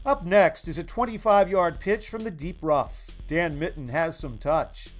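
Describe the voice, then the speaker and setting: Male sports show narrator, high-pitched, scripted golf highlight links with faint music. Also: measured pace.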